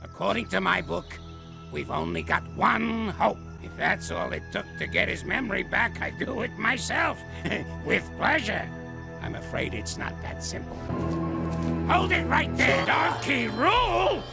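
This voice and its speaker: An actor playing a cranky old male ape in a cartoon, scolding and name-calling in a gravelly, crackly old voice. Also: big pitch swings, a little slow, over music, heavily acted. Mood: grouchy scolding. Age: older. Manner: scolding and name-calling, swooping wildly in pitch. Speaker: grouchy elder ape in a cartoon series. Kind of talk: cartoon voice acting.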